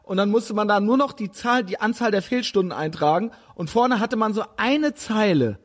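A man with a high, husky voice talks at a moderate pace in loose, casual podcast chat. He rambles through stories bluntly and mocks himself, and the talk feels unscripted and relaxed.

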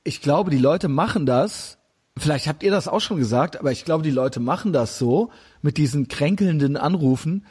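A man with a high, husky voice talks in loose, casual podcast chat. He rambles through stories in a blunt, self-mocking way. The talk feels unscripted and relaxed. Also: normal speed.

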